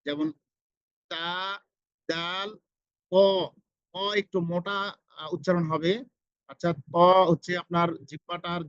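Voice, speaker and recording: A man with a Bangladeshi Bengali accent teaching Quran pronunciation, saying each letter over and over, slow and patient. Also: fairly high pitch, fairly bright tone, no echo, dull audio. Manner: slow, repeats each sound several times. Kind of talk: pronunciation lesson.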